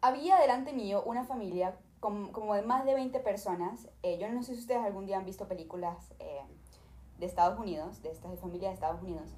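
A young woman with a Venezuelan accent tells her story straight into a desk microphone. She retells it dramatically and acts out the people involved. Her voice sits in a middle pitch and the room around her sounds echoey. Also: fast, warm tone. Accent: Venezuelan Spanish. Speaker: YouTuber. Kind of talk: storytime vlog.

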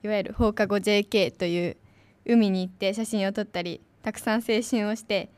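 A woman's voice: medium pitch, steady tone, fairly quick, darkish tone, smooth, dry recording. A young woman from Kanagawa, an announcing student, giving a chatty free talk with many fillers. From Kanagawa, Japan. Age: young adult.

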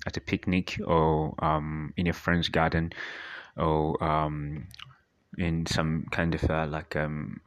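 Very deep-voiced man from Tanzania. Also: a bit bright. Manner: hesitant, many fillers. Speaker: podcast host. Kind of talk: speaking-exam practice monologue.

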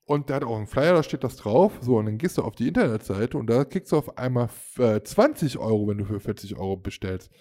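A man's voice: mid-range voice, lively intonation, fast, hardly any pauses, mellow. A man in his thirties casually telling a long anecdote, rambling with fillers and acting out the people he quotes. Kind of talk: casual storytelling chat.

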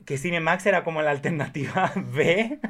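A podcast guest with a Chilean Spanish accent chats casually about films, campy, effusive and full of exclamations. His voice sits on the high side, a bit bright, at a moderate pace.

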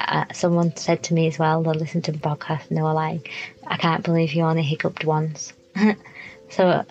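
A young woman chats through a solo podcast in a low, fairly flat voice. She rambles, laughs at herself and swears now and then. The recording sounds dull and lo-fi, made at home in a tent. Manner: rambling, self-deprecating, many fillers and swearing. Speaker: podcast host. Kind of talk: casual solo podcast monologue. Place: indoors, in a tent.

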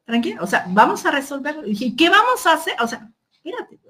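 Mexican woman, podcast guest, lively storyteller, fairly high voice, acts out the people she quotes. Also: a little fast. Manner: animated, quotes others, frequent "o sea" fillers. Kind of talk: casual storytelling.

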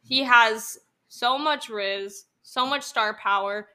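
A woman's voice: fairly high pitch, slow, sharp tone, clear, resonant tone. A woman co-hosting a casual podcast, playful and jokey, chatting about music in a living room. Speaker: podcast co-host. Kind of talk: casual chat.

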